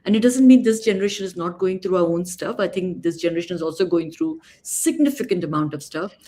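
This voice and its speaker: A woman's voice: on the low side, lively intonation, fast, warm tone. A woman hosting a podcast interview, speaking with empathy and asking long, winding questions. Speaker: podcast host. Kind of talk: interview conversation.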